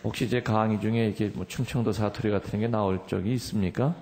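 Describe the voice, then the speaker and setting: Korean priest with a faint Chungcheong lilt, low and gravelly, delivering a light, funny homily in church. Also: male voice, steady tone, quick pace, darkish tone. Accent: slight Chungcheong lilt. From Incheon, South Korea. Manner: joking, storytelling, playfully mimics dialects. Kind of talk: humorous sermon to a congregation.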